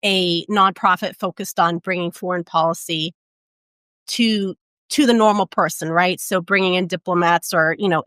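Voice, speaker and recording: Low-voiced woman telling her story. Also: fairly bright tone, no room sound. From Portugal. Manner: reflective, storytelling, frequent "um" and "right?". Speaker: interview guest, luxury travel advisor. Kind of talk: conversational interview.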